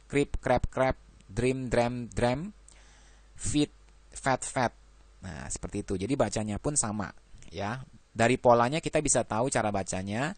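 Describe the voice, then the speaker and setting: A man's voice: on the low side, dry recording. A man teaching an English grammar lesson, working through verb lists and adding "ya" after nearly every phrase.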